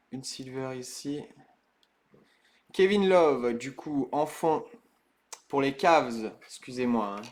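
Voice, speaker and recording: A man streaming a live card break, calling out each card in slow, hushed commentary that bursts into ecstatic shouting. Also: a little high.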